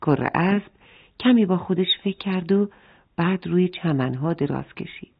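A woman telling a children's story in an expressive way and speaking directly to the children as she narrates. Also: on the low side, vocal fry, slightly rough. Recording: phone-like narrow band.

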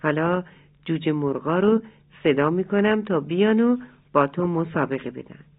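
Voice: mid-range voice, expressive, lightly acted. A storyteller doing an eager young rooster chick. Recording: tinny phone-like lo-fi sound.

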